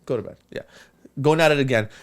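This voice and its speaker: A man telling a story in casual podcast chat, animated and profane, acting out the voices of the people in it. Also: medium pitch, fast talker. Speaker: podcast co-host.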